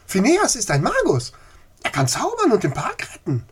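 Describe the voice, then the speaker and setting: A man's voice: high-pitched, wildly swooping pitch, moderate pace, husky, voice pushed up, full character voice. A man voicing an impulsive young woman who works at a zoo and blurts things out. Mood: eager. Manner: blurting, bright and pushy.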